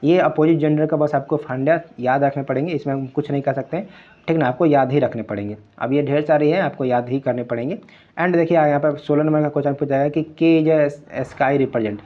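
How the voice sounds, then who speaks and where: A young male tutor with a fairly high voice walks through exam answers one at a time. He repeats key phrases and slips English words into his Hindi. The audio is dull and lo-fi, like a home-recorded online class. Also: fairly even intonation, brisk. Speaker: exam prep teacher. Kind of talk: explaining quiz answers.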